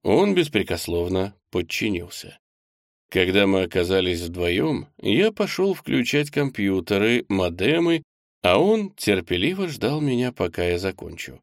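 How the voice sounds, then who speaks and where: Man, audiobook narrator, first-person, lower pitch, close dry sound. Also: big pitch swings, measured pace, no echo.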